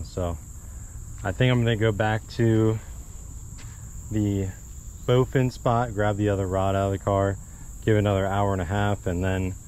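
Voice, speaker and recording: A fishing vlogger with a fairly low, darkish voice chats easily and thinks aloud while narrating a trip to a marsh pond. It's casual outdoor vlog narration captured on a body-worn action camera, with a little hiss or hum in the audio.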